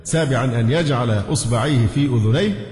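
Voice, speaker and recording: A sheikh with an Egyptian accent teaches a classroom lesson explaining a fiqh (jurisprudence) book, speaking quickly in a mid-range, slightly mellow voice. He blends formal Arabic with colloquial asides, questions his students, and chants short call-to-prayer phrases as demonstrations. The recording comes from an echoey hall with long reverb, with faint music in the background.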